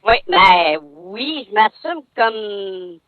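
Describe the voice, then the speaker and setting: A man's voice: high-pitched, lively intonation, no room sound. Caller: man, voice altered, tinny phone line, hesitant. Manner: hesitant, halting. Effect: voice changer. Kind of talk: anonymous confession call.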